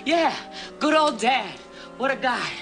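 An actor playing a rough, streetwise man who is blunt and slangy, coaxing one moment and urgent the next. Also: very high-pitched, lively intonation, slow, bright, forceful tone, faint music behind, heavily acted. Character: rough, streetwise male tenant, pushy but able to coax.

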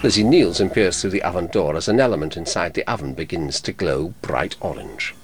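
Deep-voiced male audio describer. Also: lively intonation, slight background noise. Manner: measured, neutral. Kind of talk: scripted narration.

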